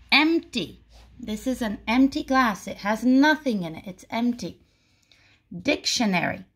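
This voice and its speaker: A woman teacher leads a young children's phonics lesson at a slow, unhurried pace. She enunciates each word carefully and lifts into a bright, sing-song tone when she greets the class. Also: medium pitch.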